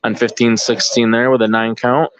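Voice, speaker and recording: A bowling tournament commentator and organizer gives casual, off-the-cuff live sports commentary, thinking aloud informally as he follows the play. His mid-range voice is smooth and flat in delivery, at a moderate pace. The recording is dry, with dull, lo-fi live stream audio.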